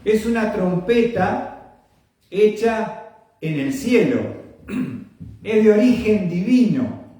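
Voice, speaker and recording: A man preaching a sermon slowly and emphatically, repeating his phrases and often clearing his throat. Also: sits high, expressive, dark tone. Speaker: pastor. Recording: echoey room from far off.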